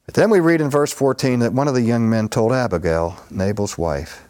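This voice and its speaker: Guy preaching, animated storyteller, does the voices, average pitch. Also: brisk. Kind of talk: sermon.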